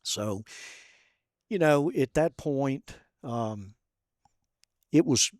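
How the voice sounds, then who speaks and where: Brief: male guest, gentle halting storyteller, close dry sound. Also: medium pitch, animated, no room sound. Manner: soft-spoken and halting, with many fillers. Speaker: podcast guest. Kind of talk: personal storytelling.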